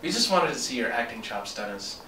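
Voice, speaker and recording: A young man acting in an amateur student skit as an upbeat, smooth-talking casting producer. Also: medium pitch, very animated, brisk, bright, forceful tone. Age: young adult. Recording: roomy, distant, faint noise.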